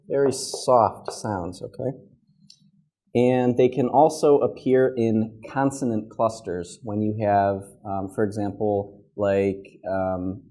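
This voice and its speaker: A man's voice: lowish voice, dark tone. A young man teaching English pronunciation in a classroom at a whiteboard, speaking patiently and repeating each model word several times.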